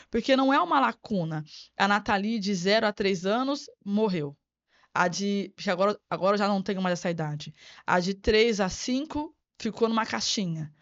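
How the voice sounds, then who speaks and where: Woman guest, fairly high voice, earnest and reflective, dry dull lo-fi sound. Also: no echo. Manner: earnest, reflective, repeats words while thinking. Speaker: guest educator and storyteller. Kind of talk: podcast interview.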